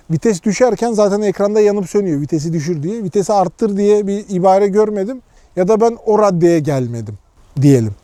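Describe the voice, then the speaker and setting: A man talks in a very dark, soft-edged voice pitched a little high. He chats casually like a motovlogger, thinking out loud in an informal way. The sound is close and dry. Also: no echo. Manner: informal, unpolished, thinking aloud. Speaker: motorcycle vlogger.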